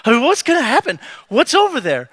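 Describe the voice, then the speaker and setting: A nervous, reluctant man pleads and protests in a whiny voice, as a preacher acts him out in his sermon. The voice leaps high and sounds bright and strained. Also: huge pitch swings, fairly quick, slightly rough, full character voice.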